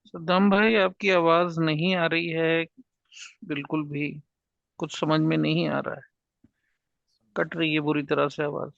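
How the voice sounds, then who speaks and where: Gravelly man on a bad call line. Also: on the high side, little pitch movement, a little slow, long pauses, a bit bright, no room sound. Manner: polite, addresses the teacher as brother. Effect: bad connection, dull online call audio. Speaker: student in an online trading class. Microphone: online call. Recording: dull dry call audio.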